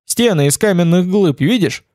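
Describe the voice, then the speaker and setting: A man reading the part of a calm, seasoned male wanderer-warrior, speaking in a cool, matter-of-fact way. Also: high-pitched, normal speed, dry recording, clean studio sound. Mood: coolly explaining. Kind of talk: audiobook character reading.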